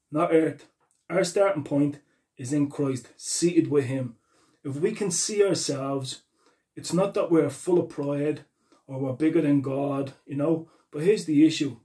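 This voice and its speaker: Earnest male preacher with a dark voice. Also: medium pitch. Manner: earnest, repeats verse references. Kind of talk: sermon with scripture reading.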